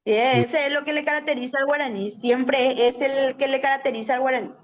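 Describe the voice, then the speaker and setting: A woman's voice: sits high, steady tone, brisk, lo-fi sound. A woman from Paraguay with a Paraguayan Spanish accent, a Guaraní teacher answering radio interview questions in an explanatory way that keeps tagging "¿verdad?". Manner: explanatory, often adds "¿verdad?". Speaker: guest, Guaraní language teacher.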